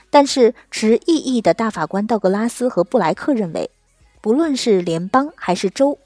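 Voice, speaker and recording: A woman reading a scripted explainer narration in a steady, measured storytelling delivery. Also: medium pitch, no room sound, studio quality.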